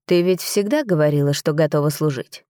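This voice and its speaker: A woman voicing a cold, domineering male dragon who is a royal husband, speaking slowly and drawing out his words. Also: sits low, dark tone, dry recording, studio quality, natural voice. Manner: slow, drawn-out, commanding.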